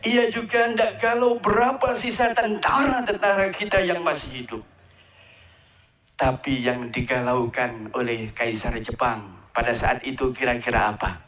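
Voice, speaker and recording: A man speaking at an outdoor Islamic boarding school ceremony poses questions to the students and repeats his phrases. His mid-range voice is steady and a bit bright, at a moderate pace, and the audio is distant and echoey.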